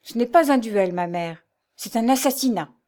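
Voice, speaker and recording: A woman's voice: on the high side, expressive, normal speed, dark tone, natural voice. A woman voicing a frightened young woman. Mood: urgent. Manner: breathless, fearful, insistent. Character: anxious young woman, the devil's daughter.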